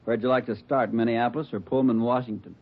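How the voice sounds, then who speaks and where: A man's voice: medium pitch, steady tone, quick pace, close to an everyday voice. An actor playing a dry, wisecracking male police lab technician in a 1940s radio drama, with a sardonic manner. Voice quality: husky, sardonic. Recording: muffled old radio broadcast.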